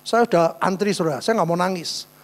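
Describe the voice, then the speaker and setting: A man's voice: sits high, fairly quick. A man preaching a sermon as pastor, telling stories and acting out conversations. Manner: storytelling, often addressing listeners as saudara, acting out quoted dialogue. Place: church. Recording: faint mains hum.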